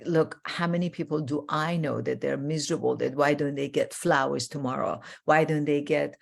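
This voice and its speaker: An older woman originally from Iran hosting an interview as a coach, talking warmly and effusively, rambling with many fillers. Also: low-pitched, steady tone, moderate pace, gravelly. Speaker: host, transformational coach. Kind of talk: casual interview chat.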